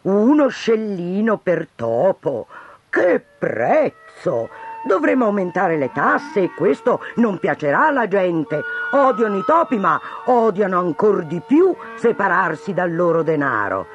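A man's voice: sits high, big pitch swings, unhurried, lo-fi sound, music in the background, voice pushed up, heavily acted. A man voicing worried, stingy town councillors who fret about money, in a storybook reading. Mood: fretting. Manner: fretting, grumbling.

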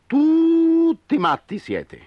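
A man voicing a cranky, scornful owl in a storybook tale, shouting and exasperated. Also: very high-pitched, big pitch swings, moderate pace, creaky, no room sound, highs cut off, voice pushed up, exaggerated voice.

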